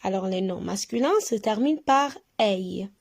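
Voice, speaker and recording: A woman teaching young pupils to read, stretching out each sound and syllable slowly and clearly so they can repeat after her. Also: mid-range voice, animated. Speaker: primary school French teacher. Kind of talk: recorded reading lesson for young pupils.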